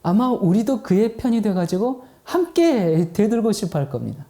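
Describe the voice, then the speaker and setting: A male pastor delivers a sermon with a fairly high voice, telling the story vividly and turning again and again to address the congregation. His tone is dark and mellow rather than bright. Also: very animated, normal speed.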